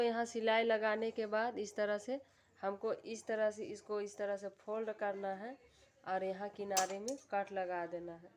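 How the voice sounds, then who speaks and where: Calm woman giving sewing instructions. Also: mid-range voice, noisy background. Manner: calm, repetitive instructional voice-over. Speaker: sewing tutorial host.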